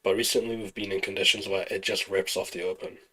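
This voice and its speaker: A man streaming live trading, talking through charts and answering chat questions in a relaxed, explanatory way. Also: low voice, fast, husky, poor audio. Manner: relaxed, explanatory, thinking aloud over charts.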